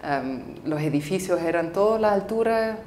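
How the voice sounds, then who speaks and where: Here a filmmaker interviewee, a woman whose first language is English, speaks in a low, darkish, animated voice inside a roomy studio. Her casual answers are thoughtful but halting, full of fillers and restarts, with a little hiss or hum in the background.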